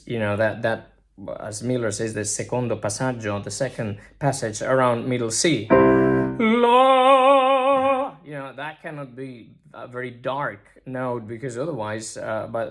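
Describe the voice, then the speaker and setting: A man, an Italian native speaker, teaching singing in a casual spoken lesson. He talks haltingly with many restarts and drawn-out words, now and then singing a note, into a simple microphone. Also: medium pitch. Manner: halting, many restarts, drawls words, breaks into sung notes.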